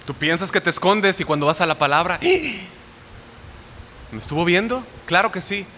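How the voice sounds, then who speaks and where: A man's voice: sits high, quick pace, pushed and bright. A man preaching a sermon to a congregation, often asking them short questions as he goes. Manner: asks the audience questions often. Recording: hall reverb with faint noise.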